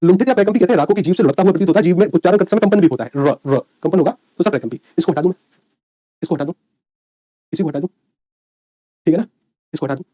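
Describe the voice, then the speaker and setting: A man's voice: sits high, warm tone, no room sound, studio quality. A man teaching an online exam-prep lecture, repeatedly checking in with his students. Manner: rapid, repetitive checks with students.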